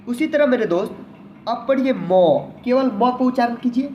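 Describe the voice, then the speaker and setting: A man's voice: very high-pitched, expressive, a little slow, highs cut off, a little hiss or hum. A man teaching an online lesson in a patient manner, who repeats each word several times and often addresses the viewer as his friend.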